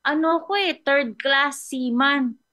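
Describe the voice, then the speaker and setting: A woman's voice: high voice, slow, sharp tone, pitched above the performer's own voice, exaggerated voice. A woman with a Filipino accent voicing a man speaking from a lighthouse who firmly refuses to give way. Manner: firm, unbudging. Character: calm, stubborn male voice from a lighthouse.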